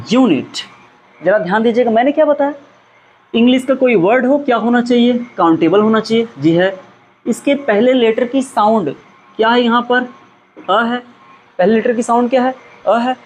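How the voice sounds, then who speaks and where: At a moderate pace, a man with a very high-pitched voice teaches a grammar class, a slight hiss or hum in the background. He questions his students, supplies the answers himself, and repeats key words for emphasis.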